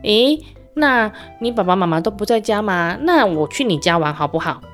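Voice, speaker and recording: A woman's voice: medium pitch, lively intonation, moderate pace, faint music behind, close to an everyday voice. A woman voicing a friendly, playful little pig in a children's storybook tale, cheerful and coaxing.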